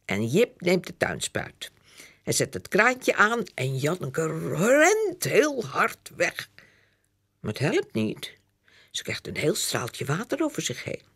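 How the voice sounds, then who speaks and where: A woman reads a children's picture-book story aloud, slow and unhurried, her voice rising and falling very lively. It sits a little low and sounds slightly husky. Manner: slow, expressive, very animated.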